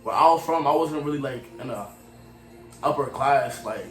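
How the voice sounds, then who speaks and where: Chill twenty-something guy from cameroon, slangy, trails off soft, roomy echo. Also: mid-range voice, normal speed. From Cameroon, raised in Maryland. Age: 20s. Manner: laid-back, slangy, often trails off softly. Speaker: guest singer. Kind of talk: casual interview chat. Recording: roomy echo, faint music.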